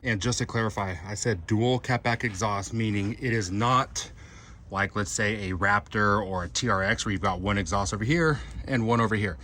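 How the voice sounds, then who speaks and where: A man vlogging a truck part install in a casual, excited, chatty way, with fillers. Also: fairly low pitch, moderate pace, slight background noise. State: out of breath.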